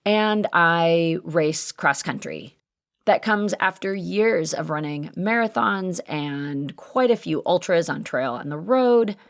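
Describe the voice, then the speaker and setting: A woman in her fifties hosting a solo podcast in a conversational, candid way, her voice very gravelly and hoarse from cheering. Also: sits low. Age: 50s. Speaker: podcast host.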